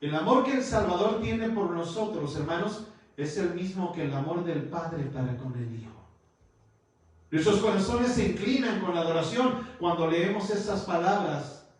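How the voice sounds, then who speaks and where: A man's voice: high-pitched, expressive, moderate pace. A man preaching a sermon as pastor, teaching and calling his listeners brother. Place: church hall. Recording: echoey hall, far from the mic.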